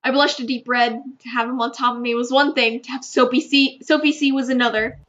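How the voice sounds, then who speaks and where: Bright, high-voiced woman reading a game. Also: fairly quick, muffled recording. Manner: expressive, laughs often, stumbles over words. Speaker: gamer narrating a visual novel. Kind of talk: reading a visual novel aloud with asides.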